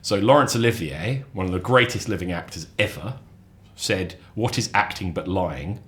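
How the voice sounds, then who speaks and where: A man chatting as a podcast guest, lively and animated, often repeating and restarting his words. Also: moderate pace. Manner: animated storyteller, acts out quotes with sudden high voices. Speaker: lecturer. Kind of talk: casual chat.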